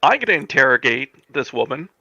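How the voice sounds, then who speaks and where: Man, tabletop player, casual joking banter, very bright edgy timbre, dry sound. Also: medium pitch, very animated, fairly quick, vocal fry, no echo, highs cut off.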